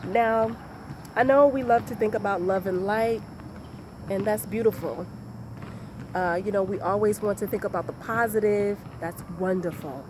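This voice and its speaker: A woman giving a motivational talk in a deliberate, repetitive, emphatic way. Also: mid-range voice, noisy background. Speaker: motivational speaker.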